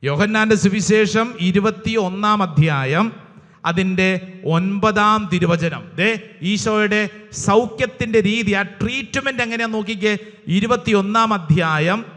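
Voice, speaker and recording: Priest preaching to a crowd, high tenor, call-and-response, big hall reverb. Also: male voice, measured pace. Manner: call-and-response, urging the crowd to shout hallelujah; retells Bible passages and stories with dramatic repetition. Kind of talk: sermon. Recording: long reverb of a large hall.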